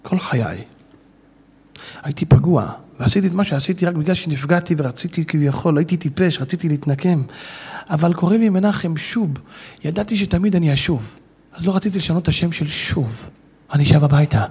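A man voicing a remorseful older man who quietly confesses his past within a sermon story. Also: fairly high pitch, lively intonation, husky, voice pushed down, exaggerated voice.

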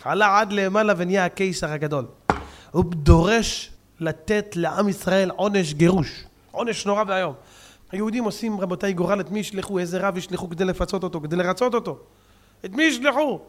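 Impassioned high-voiced preacher. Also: male voice. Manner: swings between fiery outbursts and soft pleading. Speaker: rabbi preacher. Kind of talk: impassioned sermon.

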